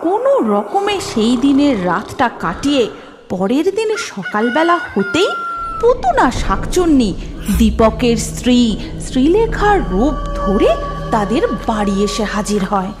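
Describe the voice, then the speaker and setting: A woman narrating a cartoon folktale in an expressive, sing-song storytelling manner. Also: high voice, measured pace. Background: music.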